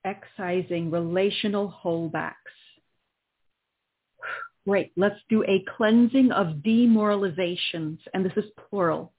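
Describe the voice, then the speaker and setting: A woman hosting a guided spiritual healing session, speaking in a calming, instructional way with pauses, in a husky voice. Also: mid-range voice. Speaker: host and healer. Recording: narrow, tinny phone-line audio.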